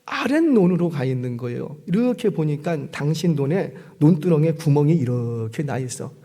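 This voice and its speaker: Man, middle-aged, pastor, sermon, call-and-response, emphatic then hushed, high-pitched, very expressive. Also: normal speed. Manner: animated call-and-response preaching, asks the congregation questions; swings from loud emphatic lines to hushed near-whispers.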